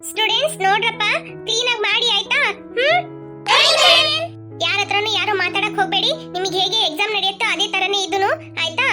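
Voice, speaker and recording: A woman voicing a patient, motherly class teacher in a cartoon, gently instructing and scolding her pupils. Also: extremely high pitch, fast. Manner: chatty, gently scolding, keeps asking "okay?". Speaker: schoolteacher. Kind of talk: cartoon voice acting. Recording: light children's music behind.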